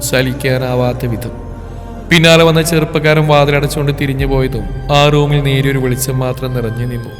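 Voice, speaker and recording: Male narrator with a mid-pitched voice, slow and tender delivery, long reverb and faint music underneath. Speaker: storyteller. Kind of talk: scripted story narration.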